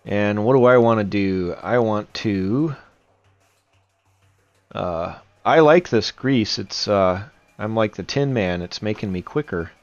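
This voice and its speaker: A man's voice: fairly low pitch, slow pace, muffled recording, faint music behind. A man narrating a tabletop game casually as game master.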